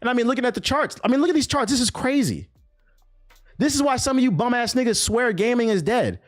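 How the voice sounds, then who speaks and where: A man's voice: extremely high pitch, fast talker, soft background music. A young man riffing casually on gaming news during a live stream, mocking and profane, with bursts of laughter between comments. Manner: animated, profane, mocking banter.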